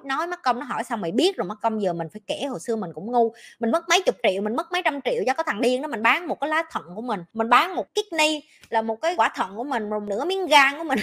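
A woman's voice: sits high, fairly bright tone. A woman with a Southern Vietnamese accent, a life coach hosting a podcast and delivering a blunt, scolding, profane advice rant. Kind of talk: ranting advice monologue.

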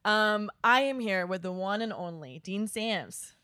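A woman's voice: mid-range voice, animated, a little slow, sharp tone, clear, resonant tone, no room sound. An American woman from Missouri hosting a podcast, chatty and effusive in a casual conversational style. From Missouri, United States. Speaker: podcast host. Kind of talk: casual chat, upbeat podcast introduction.

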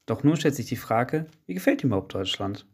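A man's voice: mid-range voice, sing-song, fairly quick, husky. Young male reporter, scripted student radio narration and interview questions. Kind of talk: read-out radio feature narration.

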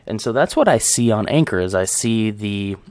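A man talks into a close microphone in a relaxed, conversational way, musing aloud to his listeners. His voice sits a little low, and the sound is dry, with no room around it. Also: moderate pace, no room sound. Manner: reflective, conversational, self-aware. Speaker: audio show host. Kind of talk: casual solo talk. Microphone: close studio microphone.

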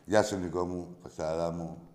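Brash low-voiced man hosting a call-in show. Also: fairly even intonation, roomy sound. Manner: brash, crude, mocking callers; loud teasing with frequent laughs. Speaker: radio call-in show host. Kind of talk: casual call-in banter.

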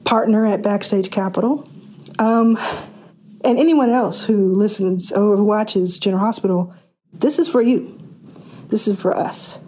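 A woman hosting a podcast, talking excitedly and a little out of breath, often restarting her sentences before she interviews a guest. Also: mid-range voice, measured pace, pauses often. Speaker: podcast host. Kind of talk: casual podcast intro and interview.

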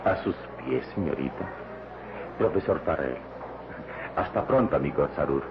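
An actor playing a courteous, mysterious, wise adventure hero in an old radio drama, with solemn, gallant, formal speech. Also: male voice, very deep voice, lively intonation, normal speed. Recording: noisy dull lo-fi radio recording.

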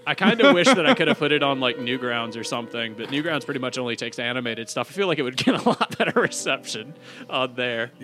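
Lively, sweary man chatting. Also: mid-range voice, quick pace, faint music behind. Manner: blunt, sweary. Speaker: podcast host. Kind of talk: casual comedic chat.

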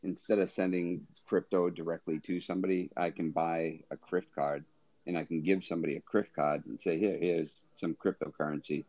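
A man with a Boston accent and a very deep, gravelly, dark voice, chatting in a loose and rambling way. The audio is dull and lo-fi, and the sound is dry. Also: flat delivery, normal speed, dry recording. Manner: loose and rambling, many fillers. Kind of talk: casual chat. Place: online audio room.

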